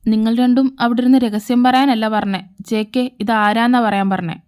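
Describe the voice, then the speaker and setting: A woman's voice: on the high side, steady tone, fairly quick, darkish tone, clear, resonant tone, natural voice. A woman voicing a stern, suspicious young man who speaks curtly in a fan audio drama. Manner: curt and dismissive.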